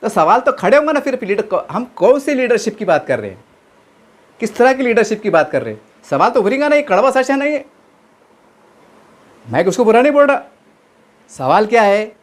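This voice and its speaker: A man's voice: sits high, sing-song, normal speed, long pauses. A man giving impassioned political commentary, asking rhetorical questions and answering them himself.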